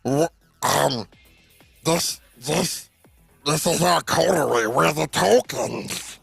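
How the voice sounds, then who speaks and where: A man's voice: fairly high pitch, takes it slowly, vocal fry, husky, no echo, soft background music, exaggerated voice. A man voicing a waterlogged, clumsy, friendly woman with a gargly voice, in a tabletop role-play. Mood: cheerful. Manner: eager, fumbling apologies.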